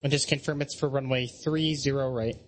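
A man's voice: medium pitch, steady tone, a little fast. A man working as an air traffic controller, giving procedural radio instructions.

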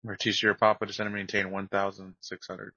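A man's voice: on the low side, completely flat delivery, fast, pushed and bright, no echo. A man giving clipped, procedural air traffic control instructions over radio in a flight simulation. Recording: dry, dull band-limited radio audio.

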